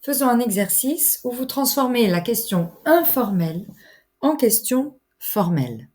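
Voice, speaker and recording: A woman teaching a French lesson, enunciating each phrase slowly and carefully. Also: fairly high pitch, very animated, darkish tone. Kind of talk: slow, clear language lesson.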